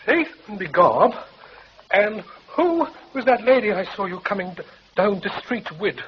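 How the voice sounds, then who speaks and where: An actor playing a stammering, excitable stage-Irish comic in a green beard, in a radio play. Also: male voice, moderate pace. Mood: eager. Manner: high, excitable patter with stammers. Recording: dull old radio recording with hiss.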